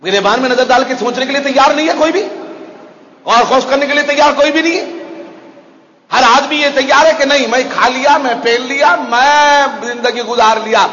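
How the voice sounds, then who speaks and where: Very high-voiced man preaching in a hall. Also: a little hiss or hum. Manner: swings between loud outbursts and hushed, sorrowful passages; recites Arabic scripture in a chanting tone. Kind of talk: impassioned sermon. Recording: dull, reverberant hall recording.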